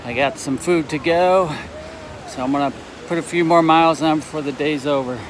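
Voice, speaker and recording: A man speaking in a raised, projected voice outdoors on a bridge, giving a casual trail vlog update. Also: fairly high pitch. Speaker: hiker vlogger on a long trail. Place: outdoors, crossing a bridge over river rapids. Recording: noisy outdoor ambience, rushing background noise.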